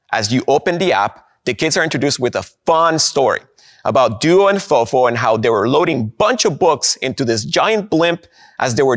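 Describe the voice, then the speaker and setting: A man from Guatemala, giving an upbeat conference keynote and slowing down to stress key points. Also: mid-range voice, no room sound, studio quality. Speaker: presenter of a product.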